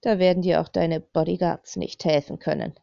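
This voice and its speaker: A woman's voice: lowish voice, flat delivery, normal speed, vocal fry, warm tone, no room sound. A woman voicing a man who stalks and threatens a young woman, mocking and coaxing in turn, on a slightly dull recording.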